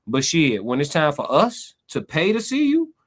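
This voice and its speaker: A high-voiced American man commentates on boxing for a live stream. He is emphatic and excitable, repeating phrases for punch and swearing freely. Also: normal speed. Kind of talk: excited blow-by-blow fight commentary and casual chat.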